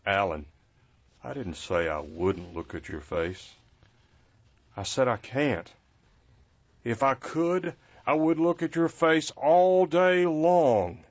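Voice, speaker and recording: Acting in an audio drama, a man with a slightly high voice portrays a blind caretaker who nurses wounded soldiers, kind, patient, folksy, gentle and wry, delivered in an earnest mood. The audio is muffled and lo-fi, with no echo.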